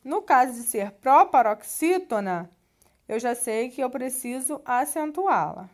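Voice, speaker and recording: A high-pitched woman speaks with a Brazilian Portuguese accent as a teacher. She walks students through a textbook page in a patient, explanatory way and checks in with frequent little tag questions. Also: lively intonation, measured pace. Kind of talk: classroom lesson walking through a textbook.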